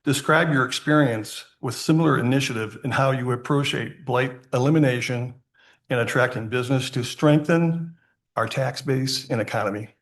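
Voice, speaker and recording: A man of middle pitch, a city commissioner, puts a formal question to a job candidate at a meeting. He hesitates often and fills the gaps with "um" and "uh" as he reads it out. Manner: halting, with frequent fillers. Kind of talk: reading a formal interview question.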